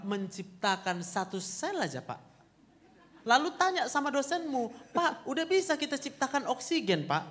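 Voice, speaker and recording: A man's voice: high voice, fairly bright tone, in a large hall. A man who is a doctor, answering audience questions in a blunt, teasing manner, with a Medan Indonesian accent. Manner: blunt, teasing, laughing often. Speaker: doctor giving a talk. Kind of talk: Q&A talk.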